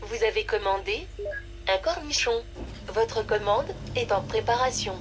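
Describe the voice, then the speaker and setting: A woman's voice: fairly high pitch, animated, measured pace. A woman voicing a glitchy female automated sandwich-ordering machine that reads menu prompts and wanders off script. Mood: prim robotic. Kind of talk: comedy sketch parody of a voice menu.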